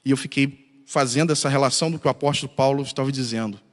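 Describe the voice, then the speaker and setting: A man's voice: medium pitch, steady tone, fast talker. A man preaching a sermon as pastor, earnest, building to rising, emphatic passages. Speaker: pastor and missionary. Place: church sanctuary. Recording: echoey church hall.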